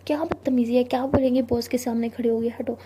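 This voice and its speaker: A woman's voice: fairly high pitch, steady tone, quick pace, background noise, natural voice. Woman doing a snappy young lady boss. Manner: snappy, defensive banter. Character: young woman office boss, bossy and flustered.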